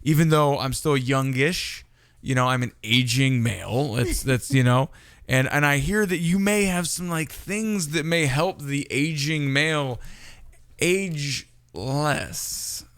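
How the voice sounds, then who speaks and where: A man in his thirties hosting a casual interview, joking and teasing in quick bursts. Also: a little high, fairly bright tone, no echo, clean studio sound. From California. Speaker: interview host.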